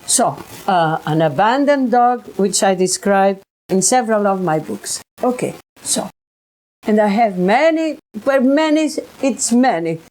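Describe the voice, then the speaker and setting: A woman, telling her own experiences in a halting way, often repeating and restarting words. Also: medium pitch, animated, a little mellow. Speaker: researcher sharing experiences. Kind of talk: personal recollection monologue.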